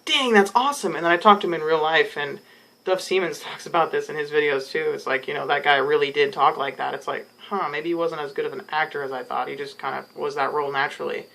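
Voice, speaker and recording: A man's voice: on the high side, flat delivery, fast talker, creaky, bright, forceful tone, poor audio. Rambling man giving casual advice. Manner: rambling, goes off on tangents; many fillers like "um" and "you know". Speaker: casting director giving audition advice.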